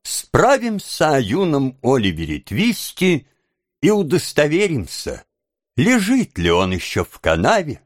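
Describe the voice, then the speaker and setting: A male audiobook narrator reading a classic novel in a measured, expressive storytelling manner. He speaks slowly with a lively, varied pitch, and the recording is dry and close. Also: no room sound. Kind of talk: scripted literary narration.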